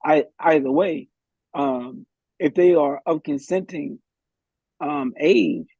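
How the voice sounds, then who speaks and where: A man's voice: on the high side, big pitch swings, takes it slowly, gravelly, dark tone, slightly rough, no echo, poor audio. A man, a guest in a live podcast discussion, thinking aloud in a hesitant way with many restarts.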